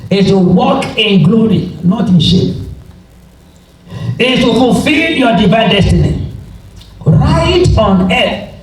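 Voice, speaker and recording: A man preaching a revival sermon with scripture readings, emphatic and repeating phrases for emphasis. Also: sits high. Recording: roomy, echoing, distant mic, faint noise.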